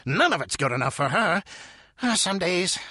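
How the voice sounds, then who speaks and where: Man acting burned-out supervillain, high raspy swooping voice. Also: very animated, moderate pace, pushed and bright, dry recording, studio quality, exaggerated voice. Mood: stressed, exasperated. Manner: burned-out, stressed worker complaining. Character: burned-out, henpecked male supervillain venting to his therapist. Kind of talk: comic radio advert sketch.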